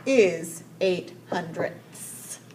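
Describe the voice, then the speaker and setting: A woman's voice: fairly low pitch, very slow, noisy background. A woman working as an instructional coach. She talks through a lesson with a teacher one-on-one, giving direct instructions, filling her speech with "like" and affirming with "mm-hmm".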